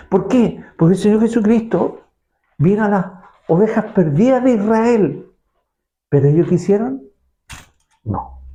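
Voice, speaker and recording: A male preacher delivers a sermon in a dark, mellow voice. He repeats himself, asks rhetorical questions and keeps checking with his listeners. The recording sounds dull and lo-fi. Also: high voice.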